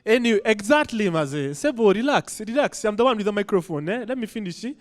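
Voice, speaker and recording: Holding a stage mic, a Kenyan comedian banters with the club audience during his stand-up set, moving between English and Swahili as he teases them. His voice is high, expressive and fairly quick.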